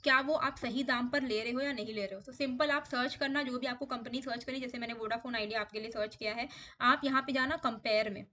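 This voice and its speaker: A woman's voice: a little high, steady tone, brisk, sharp tone. A woman with an Indian accent walking viewers step by step through a stock research tool, mixing Hindi and English. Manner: explanatory, mixes Hindi and English, guiding step by step. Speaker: stock market YouTuber. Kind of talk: screen-share tutorial walkthrough.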